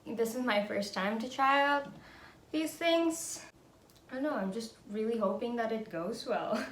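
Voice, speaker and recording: At home, a young Filipina beauty vlogger with native Tagalog and English talks casually through her vlog, thinking aloud and laughing lightly and often. She speaks unhurriedly in a somewhat high voice, and the recording is reverberant with a slight hiss or hum.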